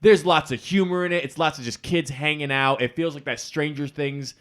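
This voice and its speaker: A young man co-hosting a podcast, chatting casually and excitedly about films, swearing freely. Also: fairly high pitch, brisk. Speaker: podcast co-host. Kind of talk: casual chat.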